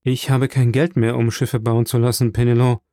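A man voicing a grieving, kindly middle-aged shipowner in an audiobook, with an earnest, warm delivery. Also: medium pitch, level tone, moderate pace, no room sound, studio quality, natural voice. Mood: sorrowful, kind.

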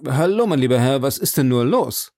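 A man voicing a shrewd, calm detective who speaks measured and thoughtful. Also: mid-range voice, no echo, studio quality, close to an everyday voice. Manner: measured, thoughtful, quietly probing.

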